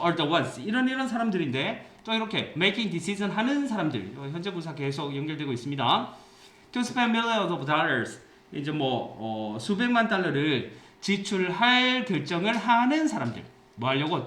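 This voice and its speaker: A man teaching an English class with a Gyeongsang accent, explaining passages and telling jokey anecdotes in a lively way. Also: high voice. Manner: lively, jokey storytelling, mixes English phrases into Korean. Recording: echoey classroom with faint hiss.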